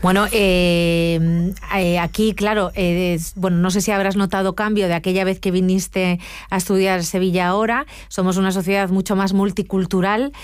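A woman's voice: medium pitch, fairly even intonation, moderate pace, few pauses, smooth, no room sound, clean studio sound. A woman hosting a radio interview, who asks questions and affirms her guest often. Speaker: radio host.

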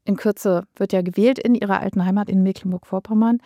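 A woman interviewer asking measured, carefully built questions. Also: mid-range voice, fairly even intonation, dark tone, dry recording, muffled recording. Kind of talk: radio-style interview questions.

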